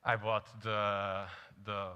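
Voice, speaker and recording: This bright-voiced young man from the Azores gives an energetic keynote on a large, dark stage, captured with hall reverb. His pitch is fairly low and his tone clean, he draws out his words, and he stays animated, telling stories and questioning the crowd.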